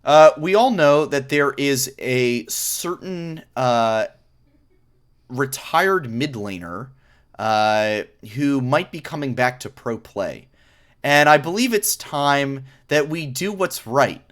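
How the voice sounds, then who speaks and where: A man's voice: mid-range voice, lively intonation, slow. A man hosting a casual esports stream chat, joking and laughing often. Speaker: host.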